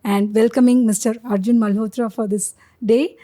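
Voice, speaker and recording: A woman's voice: on the high side, fairly even intonation, moderate pace, dark tone. A middle-aged woman with an Indian accent hosting an interview, introducing her guest and asking questions. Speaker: interview host.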